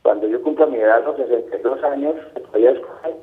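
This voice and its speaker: A man's voice: mid-range voice, fast. A man in his sixties with a Colombian accent, a caller who rambles and repeats himself. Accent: Colombian Spanish. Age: 60s. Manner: repetitive, rambling, keeps saying señorita. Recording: tinny phone line.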